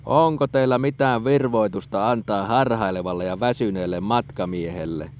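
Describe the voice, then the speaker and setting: A man's voice: on the low side, very animated, a little hiss or hum. A bold pious knight, as a man reads him. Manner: courteous, bold, calling out loudly. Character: brave pious male knight-rider hero.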